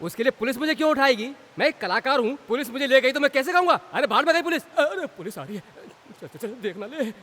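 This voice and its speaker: Dubbed comic village singer, blustering, high fast voice, echoey. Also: male voice, sharp tone. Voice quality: boastful, blustering. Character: boastful small-time village singer, male adult. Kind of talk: Hindi film dubbing.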